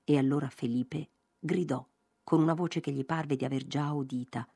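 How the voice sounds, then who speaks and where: A woman narrating a literary novel aloud in a measured, expressive reading. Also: low-pitched, creaky, husky, dry recording, studio quality. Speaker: audiobook narrator.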